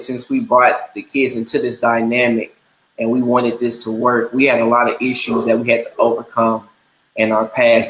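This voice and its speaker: A man around thirty, a guest in a conversational interview, speaking in an earnest, measured, explanatory way. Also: medium pitch, fairly bright tone. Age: 30s. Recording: roomy echo.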